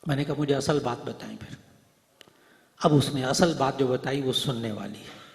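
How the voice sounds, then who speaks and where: A middle-aged man preaching, telling stories and acting out their dialogue, swinging from soft to loud. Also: medium pitch, vocal fry. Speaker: Islamic preacher and hadith teacher. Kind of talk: Urdu religious speech to a gathering. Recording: echoey hall, voice through speakers.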